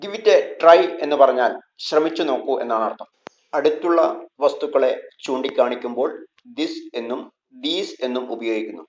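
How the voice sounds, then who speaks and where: A man with a Malayali accent teaching English in a scripted lesson. He reads English phrases slowly and then explains them in Malayalam. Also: medium pitch, dull audio.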